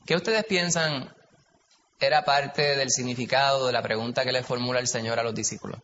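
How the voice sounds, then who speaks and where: A man's voice: medium pitch, a little fast, a bit bright. A man with a Puerto Rican accent leading a Bible study in a chatty way, putting questions to the group. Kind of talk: conversational Bible teaching. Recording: dull, echoey hall recording, faint hiss.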